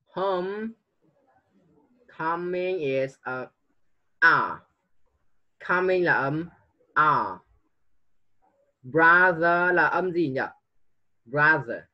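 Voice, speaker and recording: Man, tutor, patient, coaxing, slightly high voice, dull lo-fi sound. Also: drawn-out words, pauses often. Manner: patient, coaxing, mixes English prompts into teaching. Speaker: English tutor. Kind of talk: online one-on-one tutoring.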